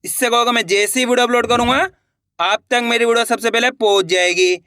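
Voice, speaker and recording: A man's voice: very high-pitched, steady tone, fast talker, sharp tone. A young man teaching children to read, patiently sounding out syllables one by one in an online lesson. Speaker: Hindi reading teacher.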